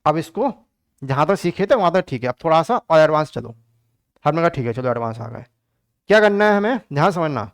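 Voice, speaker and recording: A man's voice: fairly high pitch, sing-song, fairly quick, no room sound, studio quality. A man teaching an online exam-prep math lesson in a chatty way, calling his students kids and joking as he works through problems.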